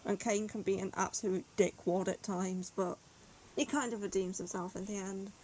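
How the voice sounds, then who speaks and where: Casual reviewer, woman, chatty and rambling, mid-pitched, faint hiss behind. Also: steady tone, moderate pace, darkish tone, rough recording. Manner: chatty, rambling, frequent "like" and "yeah". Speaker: manga reviewer.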